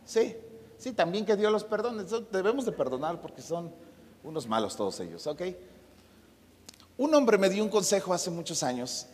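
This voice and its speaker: A middle-aged pastor delivers a casual, story-driven sermon, his voice slightly high and husky. His words ring out with a long reverb from the church hall. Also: very animated, normal speed. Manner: storytelling, humorous asides. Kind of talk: conversational sermon.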